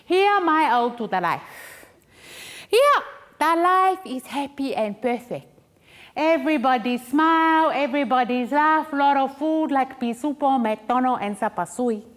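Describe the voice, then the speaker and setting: A woman's voice: high voice, lively intonation, measured pace. A woman putting on a naively cheerful new arrival. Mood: mock-cheerful. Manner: broken English, exaggerated cheer. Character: newly arrived immigrant woman, naively cheerful, broken English.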